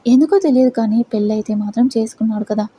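A woman's voice: fairly high pitch, fast talker, warm tone, a little hiss or hum, lightly acted, poor audio. A woman voicing a blunt young female employee who snaps in exasperation. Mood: teasing. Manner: snappy, exasperated.

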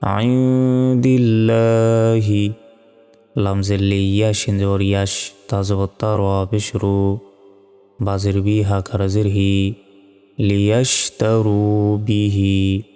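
A man leads a Quran reading lesson, spelling the Arabic out syllable by syllable at a very slow, deliberate pace. His voice is low, flat and smooth. Long reverb hangs on every word, with faint music underneath. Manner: slow, deliberate spelling drill with drawn-out chanted recitation. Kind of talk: spelling out Quranic Arabic letter by letter, then slow melodic recitation.

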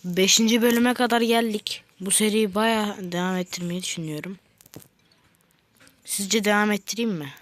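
A woman giving casual let's play commentary on a mobile game, chatting with viewers and scolding the game in slangy outbursts between quiet mutters. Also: mid-range voice, fairly even intonation, normal speed. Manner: chats with viewers, drifts into mutters and whispers. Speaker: gaming video creator.

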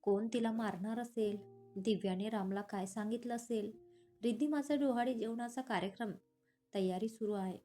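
A woman's voice: fairly high pitch, normal speed, warm tone. A woman narrating a serialized romantic story as storyteller, reading steadily. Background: faint guitar music.

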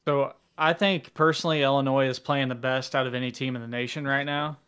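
A man with a flat, steady and clean voice gives his picks on a casual sports podcast. He sounds matter-of-fact and unhurried. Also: medium pitch, clean tone. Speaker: podcast co-host.

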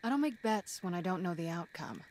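A female actor voices a guarded, quick-witted young woman in an adventure game. Her voice is on the low side, and she talks in a dry, coolly defiant, matter-of-fact way. There is faint noise and ambience around her. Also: animated, lightly acted.

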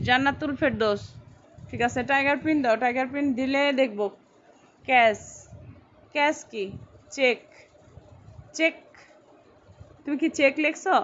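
Woman, high voice, live-stream seller, dull lo-fi sound. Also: fairly bright tone. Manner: chatty, repeats sizes, reads out buyer names. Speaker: online clothing seller. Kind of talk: live-stream sales chat.

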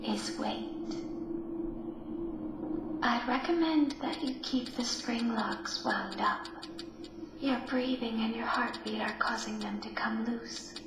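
An actress in an ASMR role-play as a calm female animatronic in a horror game, giving soft instructions. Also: a little high. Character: soft-spoken female animatronic guiding a trapped victim. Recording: echoey, very noisy game playback.

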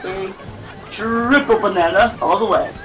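A man's voice: high voice, heavy background noise. A young man chatting casually and joking while playing a racing game with his cousin. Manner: joking, rambling, quick laughs. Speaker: gamer recording a video. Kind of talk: casual gameplay chat.

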